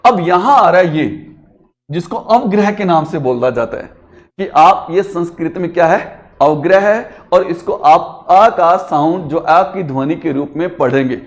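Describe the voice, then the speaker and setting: High-voiced teacher drawing out sounds. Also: male voice, a little slow. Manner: stretches and calls out words to demonstrate sounds; speaks to students directly, asking questions. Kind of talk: classroom grammar lesson.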